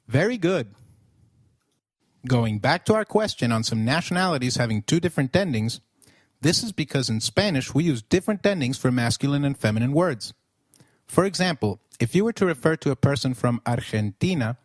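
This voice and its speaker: A man narrating a scripted beginner language lesson in an upbeat teaching manner, slowing down to model words. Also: mid-range voice, no echo, studio quality.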